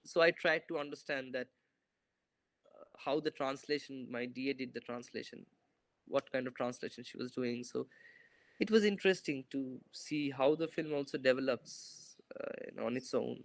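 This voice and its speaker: A young male filmmaker answers interview questions over a video call from a bright indoor room, thoughtful and hesitant with many fillers and restarts. His voice is medium-pitched at normal speed, and there's no room sound on his laptop camera audio.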